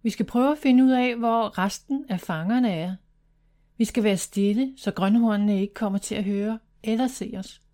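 A woman's voice: medium pitch, dark tone, close to an everyday voice. Woman reading a young dragon monster. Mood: explaining.

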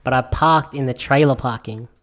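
A young man hosting a casual chat, teasing and quick to laugh. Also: medium pitch, fairly bright tone.

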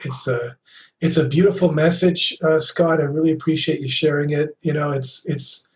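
A man's voice: a little high, fairly even intonation, normal speed, recorded from a distance, a little hiss or hum. Reflective male host, off-mic. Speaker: podcast host. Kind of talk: podcast interview.

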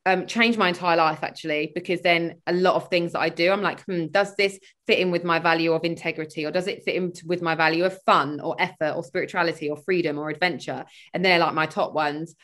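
Her voice sits a little low, with a steady, slightly bright tone, and she moves quickly with barely a pause. A spiritual coach born in Sweden and brought up in London, she's a guest on a podcast over video, rambling and filler-heavy in a casual interview.

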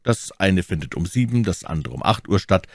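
A man's voice: deep voice, very animated, fairly quick, no echo, studio quality, exaggerated voice. A man reading the part of a bold, eager young musketeer in a storybook reading, speaking resolutely. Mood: determined.

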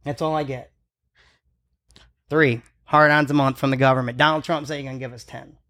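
A man's voice: medium pitch, steady tone, fairly quick, bright, forceful tone. A man in his forties telling crude, profane comedy stories in a casual podcast chat. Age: 40s. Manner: crude, profane, rambling anecdotes. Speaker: podcast host.

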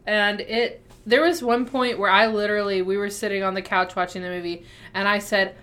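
A woman's voice: mid-range voice, flat delivery, brisk, fairly bright tone. A woman co-hosting a podcast in casual, playful, rambling chat. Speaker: podcast co-host.

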